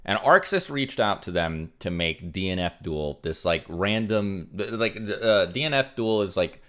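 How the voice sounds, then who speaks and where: Young man, deep voice, casual streamer chat, rambly, lots of "like". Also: animated, a little slow, pushed and bright. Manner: rambling, filler-heavy, frequent "like" and "um". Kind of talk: casual livestream chat reading donations.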